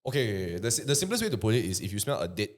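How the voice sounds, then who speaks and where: A man's voice: fairly low pitch, big pitch swings, very fast. A man with a Singaporean accent chatting casually and bluntly as a panelist in a group.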